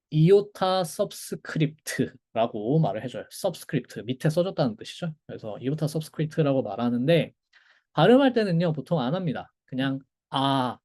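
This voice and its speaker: A man's voice: on the high side, a little mellow. A man lecturing on a language, patiently repeating each pronunciation for students to copy. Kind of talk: recorded lecture.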